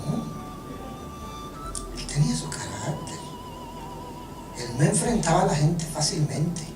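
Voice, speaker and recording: Animated preacher in an echoey church. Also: medium pitch. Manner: animated, joking, halting restarts. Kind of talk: sermon. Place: church hall. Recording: echoey room from far off, music behind.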